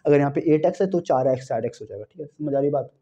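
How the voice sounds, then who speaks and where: A young man giving an animated exam-prep math lecture, repeating key phrases and talking to students as friends. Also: on the high side, very fast, lo-fi sound. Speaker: math teacher.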